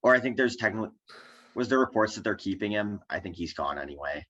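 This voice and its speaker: A young man with a very low voice, talking sports on a podcast over a dull, lo-fi recording. He hedges and restarts his sentences as he works through his picks. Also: lively intonation, quick pace, pushed and bright. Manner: hesitant, many "I think" and "I mean" restarts. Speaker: podcast co-host. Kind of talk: casual sports chat. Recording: dull lo-fi sound.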